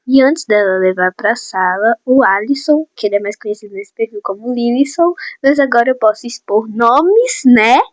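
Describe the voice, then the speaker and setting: High-voiced teen girl spilling school gossip, chatty and animated, very dry close mic. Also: normal speed, hardly any pauses, dry recording, lo-fi sound. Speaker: vlogger. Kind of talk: casual gossip storytime. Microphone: phone or headset mic.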